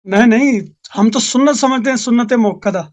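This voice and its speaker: A man in a heated religious debate who talks dismissively and lectures, often cutting in over the other speaker. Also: very high voice. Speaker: debate opponent.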